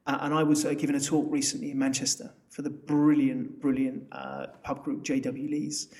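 He's a business founder from Essex, England, talking as a podcast guest in a chatty, emphatic style full of repeated words. The voice is mid-range, gravelly and a little mellow, with little pitch movement and a normal speed.

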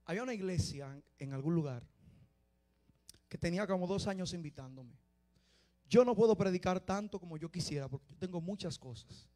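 A man preaching a sermon, dropping to quiet confiding talk and rising to loud shouted exhortation. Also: high-pitched, lively intonation, fairly quick.

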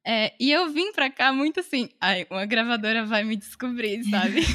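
A woman from Salvador, an artist, talking in a relaxed and chatty way in a casual conversation. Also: a little high, unhurried. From Salvador, Brazil. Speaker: singer, artist.

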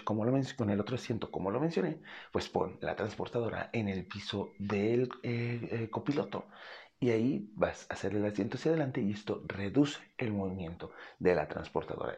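A man's voice: on the low side, vocal fry, darkish tone. A man, hosting a cat care podcast in a casual, practical way and speaking straight to the listener. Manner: friendly, practical, addresses the listener directly. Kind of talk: casual instructional talk.

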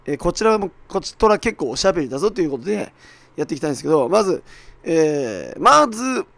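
Hoarse, raspy man hosting a podcast. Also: fairly high pitch, very animated, quick pace, fairly bright tone, no echo. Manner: self-deprecating, apologetic, with mock-quoted asides. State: hoarse, worn-out voice from shouting at an event. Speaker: podcast host. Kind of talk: casual solo podcast monologue.

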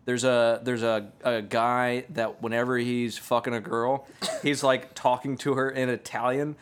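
A man's voice: medium pitch, little pitch movement, measured pace, smooth. A man co-hosting a podcast in casual chat, swearing offhandedly and steering the questions. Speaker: podcast co-host.

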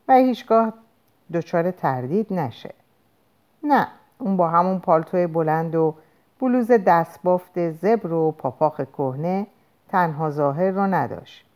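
A woman narrating a novel in an expressive audiobook reading. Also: sits low.

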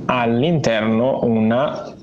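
A man co-hosting a casual chat over a remote call, talking with many pauses and fillers as he describes things. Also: medium pitch, muffled recording, a little hiss or hum. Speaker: podcast co-host reviewing beer.

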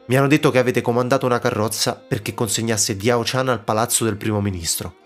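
A man's voice: mid-range voice, steady tone, quick pace, soft background music, close to an everyday voice. A man voicing a hot-tempered armed young male general who talks harshly and demands answers.

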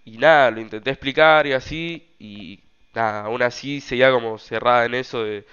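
Young Argentine male host, casual slangy storyteller, smooth tone, dull recording. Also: medium pitch, normal speed, a bit bright. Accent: Argentine Rioplatense Spanish. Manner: rambling, loose, slangy, many fillers. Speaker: podcast host.

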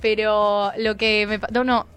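A woman's voice: medium pitch, little pitch movement, a little slow, fairly bright tone, clear, resonant tone. A teenage girl with an Argentine accent, a guest chatting casually and telling stories with giggles. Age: teens. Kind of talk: casual chat.

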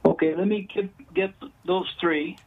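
A man's voice: high voice, steady tone, a little slow, noisy background. A man calling in on a phone speaker to a radio shopping show, hesitant and restarting his phrases. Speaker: caller. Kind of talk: call-in radio shopping order. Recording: tinny phone line.

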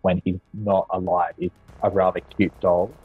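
Deep, husky, blunt male podcaster. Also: level tone, normal speed, dry recording. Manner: blunt, fills speech with "like". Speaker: podcast co-host. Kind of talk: casual chat. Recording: dull, dry sound with faint music.

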